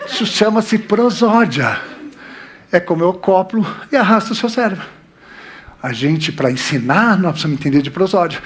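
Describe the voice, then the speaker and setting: Brazilian man, high voice, relaxed lecture, playful jokes, loud then soft. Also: husky. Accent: Brazilian Portuguese. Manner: playful, with crude jokes and rhetorical questions; deliberately shifts between loud and soft.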